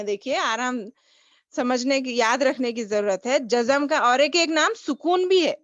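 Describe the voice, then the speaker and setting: A woman's voice: high-pitched, a bit bright, no echo. A woman teaching a recitation class over a video call, patiently repeating each sound for her students. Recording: dull lo-fi online call audio.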